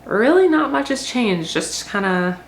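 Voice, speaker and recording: A woman's voice: on the high side, very animated, a little slow. A young woman giving a casual pregnancy update, rambling and chatty with many fillers and a little short of breath. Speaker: vlogger. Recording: echoey room with faint ambience.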